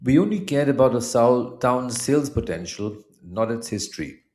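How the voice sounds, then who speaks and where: Narrating a scripted personal essay, this middle-aged man from India speaks with an Indian accent shaped by his native Punjabi. His phrasing stays measured and formal, while his medium-pitched voice is animated and slightly mellow.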